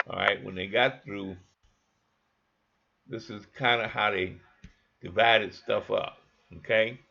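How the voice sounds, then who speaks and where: Man, husky voice, slow folksy history lecture, dull lo-fi recording. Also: medium pitch, fairly bright tone. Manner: folksy, conversational, asks listeners to think along. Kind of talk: informal history lecture over maps.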